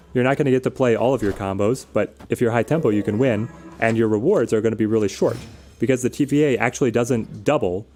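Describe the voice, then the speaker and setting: Over music, a man streams a game live and chats casually, thinking out loud about strategy and responding to viewer questions. His voice is medium-pitched and a little mellow.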